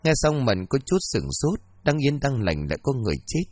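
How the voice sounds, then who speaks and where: A man narrating a ghost story in an expressive storytelling manner, as an audiobook. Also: medium pitch, brisk, no room sound.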